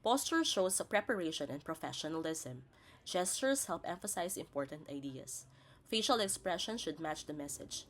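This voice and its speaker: This is scripted instructional narration: a woman plays the teacher, explaining each point in careful, step-by-step fashion. Her voice is low and expressive, and her pace is moderate.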